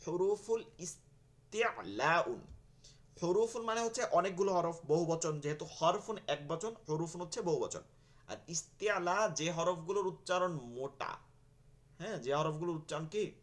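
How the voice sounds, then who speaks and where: This man runs an online Quran reading class at a normal pace, his voice a little high and expressive. He drills the letter names again and again, repeating them for his students and posing questions that he then answers himself.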